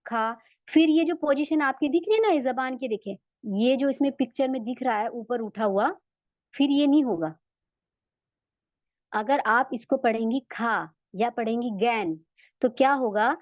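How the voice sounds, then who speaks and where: A woman teaching a recitation lesson, explaining the sounds and repeating them slowly for her learners. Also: sits high, dry recording, lo-fi sound. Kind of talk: tajweed lesson.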